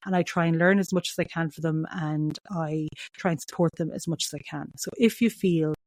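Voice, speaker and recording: A middle-aged Irish woman with a west of Ireland, County Mayo accent speaks quickly in a lowish register for a woman. She talks straight to the listener in a heartfelt, reassuring podcast style, recorded close and dry. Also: steady tone, darkish tone, no echo. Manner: reassuring, addresses listener directly, asks and answers own questions. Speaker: podcast host. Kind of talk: heartfelt solo podcast talk to parents.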